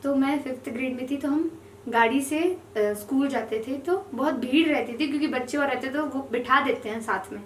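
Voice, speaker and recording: A young woman with a high voice tells childhood stories in a lively, chatty way, laughing often. She sounds a little distant from the mic, in an echoey room with faint background noise. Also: moderate pace. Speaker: podcast guest. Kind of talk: casual storytelling.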